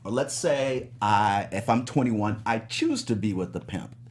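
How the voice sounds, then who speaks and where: A man on a review show panel in a studio, musing out loud and rambling with many restarts. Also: fairly low pitch, expressive, measured pace. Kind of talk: casual panel discussion. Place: studio in California.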